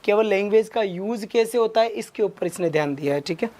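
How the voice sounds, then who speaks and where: Guy teaching english exam prep online, fires quick questions at students. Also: high-pitched, darkish tone. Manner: rapid Hindi-English mix, urges students with quick questions. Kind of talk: online class lecture.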